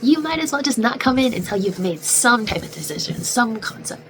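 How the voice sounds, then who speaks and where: A young woman in her twenties vlogs casually, venting and chatting with "like" sprinkled everywhere, sounding congested and nearly losing her voice. Her pitch is on the high side, very animated and a little fast, against a noisy background.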